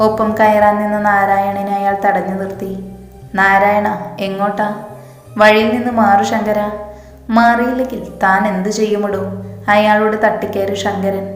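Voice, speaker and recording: A woman storyteller reading a scripted story in a steady, even way. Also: medium pitch. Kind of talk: scripted narration. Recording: echoey room with reverb. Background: soft music.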